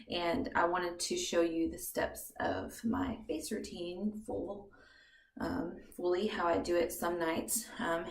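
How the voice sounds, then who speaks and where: A young pregnant woman vlogging casually from her bathroom, chatty with lots of ums and now and then slipping into soft whispers, a little out of breath. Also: fairly low pitch, vocal fry. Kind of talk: casual beauty vlog chat. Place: bathroom at home, indoors.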